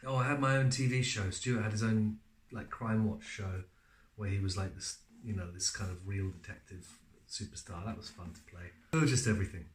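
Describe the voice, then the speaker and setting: A relaxed man speaks in a slightly low voice, chatting casually about his acting work with plenty of fillers as he tells stories. The room gives his voice a noticeable echo. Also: moderate pace, slight background noise. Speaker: actor being interviewed. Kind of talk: casual interview answers.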